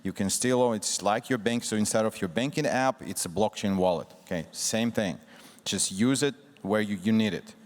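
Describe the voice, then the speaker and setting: Low-voiced guy on a panel, blunt plain explaining, hall echo. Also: moderate pace. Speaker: panelist, fintech executive. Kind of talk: conference panel discussion. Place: large conference hall. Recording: long reverb of a conference hall.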